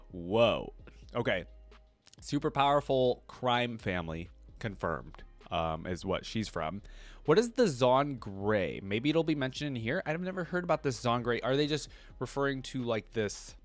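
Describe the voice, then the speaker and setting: Reacting to a game character's lore, this video host alternates between reading aloud, tossing in his own interjections and offering casual, excited commentary. His voice is mid-range, and the recording is dry.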